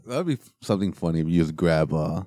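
A man's voice: sits low, animated, quick pace, warm tone, dry recording. A man co-hosting a casual podcast, laid-back, laughing often and trailing off mid-sentence. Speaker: podcast co-host.

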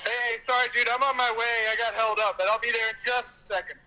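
A man playing a late friend on a casual phone call from a crowded bar, hurried and apologetic. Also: extremely high pitch, steady tone, a crowd in the background. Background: crowded bar noise.

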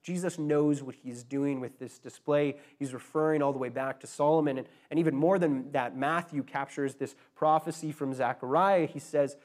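A man's voice: fairly high pitch, steady tone, moderate pace, hardly any pauses, a little mellow. A man preaching a sermon, explaining scripture with frequent restarts and self-corrections.

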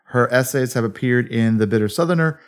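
A man hosts a podcast from an office in a house, trading loose, laughing banter with his co-host before settling into reading a guest's bio. His pitch sits in an ordinary middle range. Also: brisk, clear, resonant tone. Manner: laughing, playful banter with frequent restarts. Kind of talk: casual chat and reading a bio.

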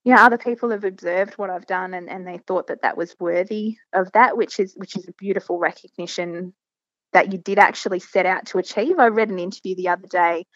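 A woman's voice: fairly low pitch, fairly even intonation, fairly quick, a bit bright, dry recording, lo-fi sound. A woman in her thirties with an Australian accent, a guest in an interview, talking reflectively and earnestly with many restarts. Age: 30s. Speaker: guest business founder. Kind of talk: casual interview conversation.

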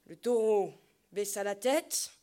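A woman narrating a novel as an audiobook, measured and dropping soft at the ends of phrases. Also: medium pitch, animated.

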